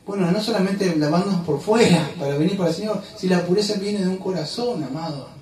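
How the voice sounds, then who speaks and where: Preacher man, high voice, fervent and emphatic, recorded from across a roomy church hall. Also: brisk, distant mic. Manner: fervent preaching, rising to emphatic outbursts and dropping to quiet asides. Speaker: pastor. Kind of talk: sermon.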